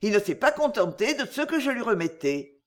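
A reader voicing an aristocratic wife who confesses with an emotional, pleading delivery in an audiobook. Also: female voice, a little high, very animated, brisk. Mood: confessing. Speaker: countess. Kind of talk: audiobook character reading.

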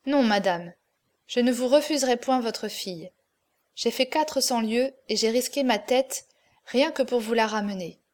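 A woman's voice: a little high, measured pace, darkish tone, natural voice. Lady reading as a cold firm swordsman guy, stern and solemn, storybook. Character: proud, steely adult male swordsman and guardian.

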